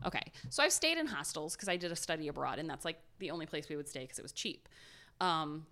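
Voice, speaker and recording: A young woman tells a story on a casual podcast, wandering into giggly asides as she goes. Her voice sits fairly low yet rings bright and forceful. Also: lively intonation, fast. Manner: giggly, rambling, chatty asides. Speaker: podcast co-host telling the story.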